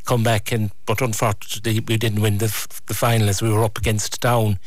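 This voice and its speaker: A man's voice: on the low side, flat delivery, brisk, no room sound. A man with an Irish accent reminiscing conversationally as an interview guest.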